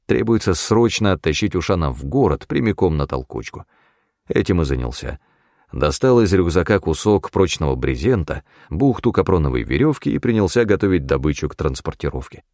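Male audiobook narrator, lively dry read. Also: deep voice, creaky, dry recording. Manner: steady, matter-of-fact storytelling. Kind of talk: first-person audiobook narration.

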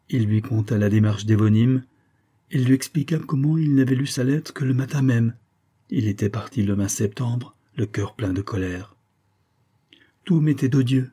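A man reading a French novel aloud as the narrator, in a measured storytelling manner. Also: fairly low pitch, warm tone, husky. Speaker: audiobook reader. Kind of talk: literary narration.

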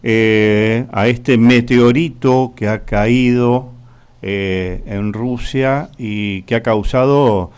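A man with an Argentine accent hosting a radio talk show, unhurried and searching for words with frequent fillers. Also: medium pitch, fairly even intonation, a little mellow, clean tone. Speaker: radio host.

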